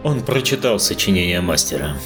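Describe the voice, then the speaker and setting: A man's voice: low-pitched, sing-song, brisk, over music. A man voicing a stern, devoted male disciple in an audiobook, grave and resentful. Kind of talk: audiobook character voice.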